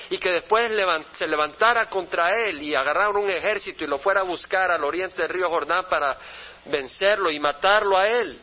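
A male pastor reading scripture aloud and then preaching on it, turning to his listeners with rhetorical questions. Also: high voice. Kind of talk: sermon, Bible study. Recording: dull lo-fi radio broadcast.

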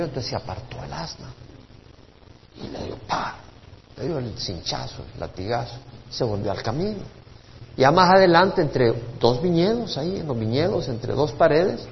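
A man's voice: mid-range voice, in a large hall, lo-fi sound, slight background noise. A male pastor, preaching and retelling Bible stories emphatically. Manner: storytelling preacher, animated and emphatic. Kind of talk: sermon Bible teaching.

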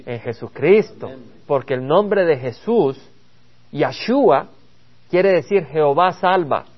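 High-voiced earnest male preacher. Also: animated, takes it slowly, husky, highs cut off. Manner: earnest, asks the congregation rhetorical questions. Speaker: pastor. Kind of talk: Bible study sermon.

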